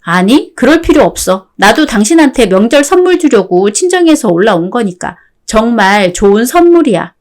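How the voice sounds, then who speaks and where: A woman playing a fed-up wife in a radio drama, calm, sarcastic and firm. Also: a little high, moderate pace, few pauses. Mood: cutting. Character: fed-up wife, cool and cutting.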